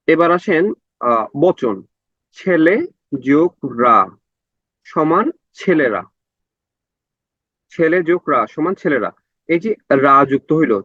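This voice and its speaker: A man's voice: on the high side, fairly bright tone, dry recording. A man teaching an exam prep class, repeating points and asking the students whether they follow. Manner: repetitive, asks checking questions. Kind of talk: lecture to an online class. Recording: dull, dry lo-fi recording.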